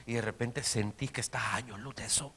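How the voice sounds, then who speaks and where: A man, a pastor preaching a sermon, swinging between quiet, close remarks and loud, emphatic repeated phrases. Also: medium pitch, steady tone, fast talker, husky. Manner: dynamic preaching, swinging from soft to shouted emphasis.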